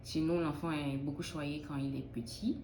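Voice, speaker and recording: Young woman from Benin, low mellow voice, hesitant interviewee, echoey room. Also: fairly even intonation, normal speed, a little hiss or hum. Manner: thoughtful, hesitant with many restarts. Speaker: interviewee, student in early childhood education. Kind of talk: casual interview answers.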